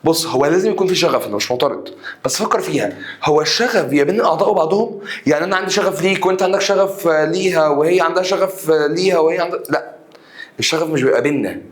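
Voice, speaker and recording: A man's voice: on the high side, rapid-fire. A man with an Egyptian Arabic accent teaching an English exam review, asking the students rhetorical questions and answering them with emphasis.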